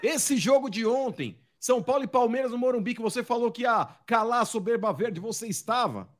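A man's voice: extremely high pitch, lively intonation, a little fast. A man hosting a casual panel show, mocking and pressing a guest with questions. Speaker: host.

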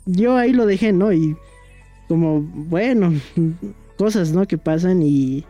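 Young bolivian guy rambling through a story, lots of "no?" and fillers, kinda mellow voice, faint music behind. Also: high-pitched, animated, slow. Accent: Bolivian Spanish. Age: young adult. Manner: rambling, many fillers and tag questions, laughs at himself. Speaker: young historian guest. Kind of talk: casual storytelling.

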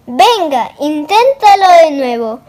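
A man's voice: very high voice, big pitch swings, slow pace, a loud crowd, exaggerated voice. A man voicing a know-it-all little red male rabbit who lectures and scolds. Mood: scolding.

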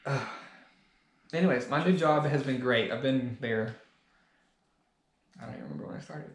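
A young man co-hosting a podcast, talking in a relaxed, conversational way. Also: medium pitch, normal speed, reverberant. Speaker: podcast co-host. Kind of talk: casual chat.

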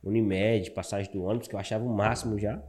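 A Brazilian man in his thirties, a barber, telling his story as a guest in a casual interview, animated and calling the listener "cara". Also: on the low side, quick pace. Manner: animated, fills talk with "cara".

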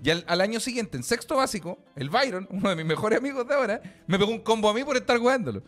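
A man's voice: high-pitched, animated, fast talker, a bit bright, soft background music. A young man with a Chilean accent, chatting casually as podcast co-host in crude slang, laughing often. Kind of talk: casual chat.

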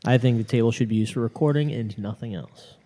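A man's voice: medium pitch, fast talker, dark tone. A man co-hosting a podcast in blunt, casual chat, recorded in an echoey room with bare surfaces. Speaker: podcast co-host. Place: basement studio with wood floors and brick walls. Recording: echoey, unfurnished basement room.

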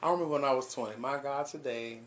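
A man in his twenties hosting a casual podcast, animated and hyped, full of slang and exclamations. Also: medium pitch, quick pace. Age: 20s. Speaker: podcast host.

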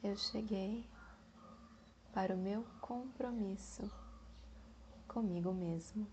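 A Brazilian woman guiding a meditation in a soft, soothing, breathy voice with long pauses, like a calm spa session. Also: medium pitch, a little hiss or hum. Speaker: meditation guide. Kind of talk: guided meditation narration.

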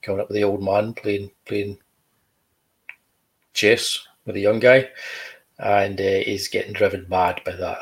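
Gravelly-voiced man chatting. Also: lowish voice, flat delivery, measured pace, pauses often, poor audio. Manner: chatty, restarts phrases, dry humor. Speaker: comic book creator guest. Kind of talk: casual video chat, showing artwork.

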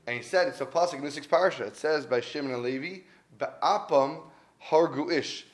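A man's voice: mid-range voice, racing. A man giving an earnest weekly Torah talk, telling stories in a conversational way and stressing his points by repeating them. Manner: earnest, conversational, with emphatic repetition. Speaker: Torah teacher.

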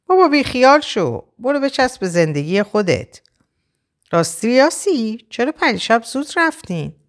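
A woman's voice: a little high, sing-song, pitched above the performer's own voice. A woman voicing a blunt young female friend who teases and lectures, in an audiobook reading. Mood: teasing. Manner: brisk, advising.

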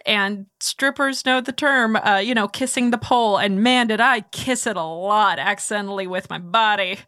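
A woman's voice: mid-range voice, normal speed, pushed and bright, dry recording, studio quality. A woman whose first language is Polish, co-hosting a casual podcast chat in a giggly, teasing way. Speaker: podcast co-host.

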